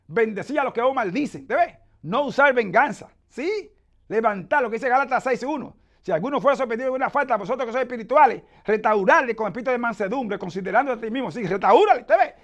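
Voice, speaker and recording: A man preaching in a strikingly high voice, pressing his points hard and keeping his listeners with him by asking again and again whether they follow. He works scripture verses into the sermon from memory. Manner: emphatic, keeps asking the congregation "¿usted ve?".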